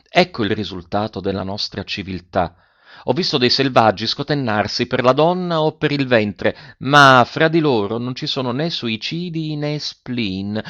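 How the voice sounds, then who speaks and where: A man reading an audiobook voices a world-weary man in his forties who speaks with calm, bitter irony, on a dull lo-fi recording. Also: mid-range voice, pitched above the performer's own voice, close to an everyday voice. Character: bitter, ironic forty-year-old man, world-weary.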